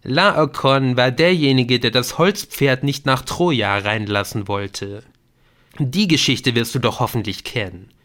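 A man's voice: mid-range voice, a little slow, fairly bright tone, close to an everyday voice. A man voicing a pompous, lecturing know-it-all teenage boy in a German audiobook.

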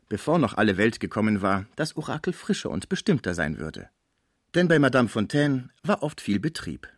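A man narrating a classic novel in a measured, expressive reading. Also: lowish voice, no room sound, studio quality. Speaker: audiobook narrator.

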